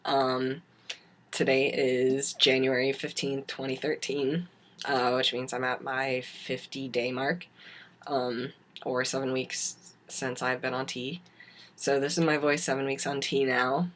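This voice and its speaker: A young adult man with a raspy smoker's voice, chatting casually and haltingly in a video diary. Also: medium pitch, little pitch movement, fairly bright tone, a little hiss or hum. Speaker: vlogger giving a transition update.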